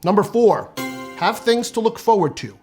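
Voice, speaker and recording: A man's voice: high-pitched, expressive, normal speed, a little mellow, soft background music. A man in his fifties delivering a scripted comedic monologue, sardonic and profane, with punchy timing. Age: 50s. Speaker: comedic essayist.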